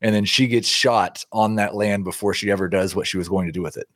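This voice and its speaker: A man's voice: lowish voice, fairly even intonation, quick pace, dry recording, clean studio sound. A man with an American accent chatting casually as a panelist in a podcast discussion. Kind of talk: casual chat, TV show discussion.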